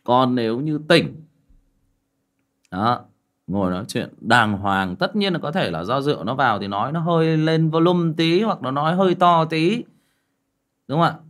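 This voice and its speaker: Animated man telling a story. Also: on the high side, normal speed, long pauses. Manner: rambling, blunt and expressive, addresses listeners directly. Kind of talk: casual storytelling monologue.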